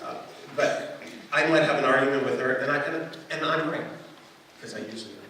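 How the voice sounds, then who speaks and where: A man's voice: mid-range voice, fairly quick, sharp tone. A man preaching a sermon as pastor, talking in a conversational, self-deprecating way and often restarting his words. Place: church sanctuary. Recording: echoey room, distant mic, faint hiss.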